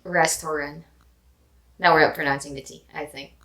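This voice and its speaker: A woman's voice: low-pitched, flat delivery, quick pace, pushed and bright. A woman with a Filipino accent chatting casually as a co-host and demonstrating how words are pronounced. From Philippines. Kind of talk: casual chat.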